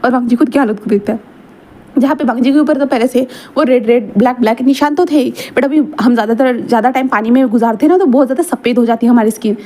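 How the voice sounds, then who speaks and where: A woman tells a fanfiction story in a rambling, casual way, often repeating and correcting herself. Her voice is high and quick, with a mellow tone.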